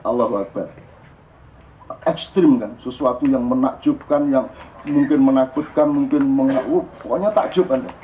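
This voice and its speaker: A man's voice: medium pitch, moderate pace, lo-fi sound, a little hiss or hum. A man with a Javanese accent giving an informal, joking religious talk to a crowd at a live forum. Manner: joking, animated, mixing in local dialect. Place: live open forum event.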